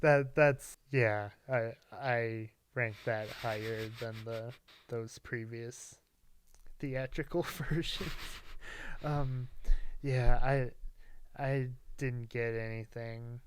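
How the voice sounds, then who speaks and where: A man's voice: medium pitch, steady tone, slow, slight background noise. A young man co-hosting a casual podcast chat at home, easygoing and teasing, laughing often. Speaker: podcast co-host. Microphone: good podcast mic.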